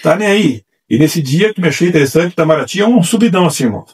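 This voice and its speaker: Fast-talking husky male evangelist. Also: on the high side. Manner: animated, acts out quoted voices. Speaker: church evangelist, guest. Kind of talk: testimony storytelling. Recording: distant mic.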